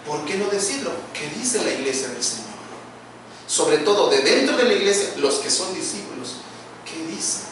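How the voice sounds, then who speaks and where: A middle-aged male pastor preaching a sermon in a church, asking rhetorical questions and swelling in volume. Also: high-pitched. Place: church sanctuary. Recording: echoey church hall, distant mic, noisy.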